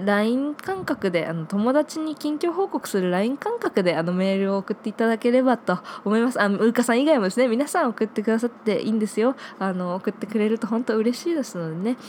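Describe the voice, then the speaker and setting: A woman's voice: on the high side, lively intonation, quick pace, hardly any pauses, darkish tone, a little hiss or hum. A woman in her twenties hosting a solo podcast, chatting casually and reading listener mail, with many filler words. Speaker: podcast host.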